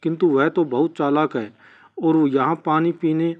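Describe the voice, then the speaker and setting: A hungry, foolish storybook crocodile pleads with his friend for a scheme to catch dinner, put on by a male narrator. The voice sits a little high. The recording sounds dull and lo-fi. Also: steady tone, moderate pace, natural voice. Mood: pleading.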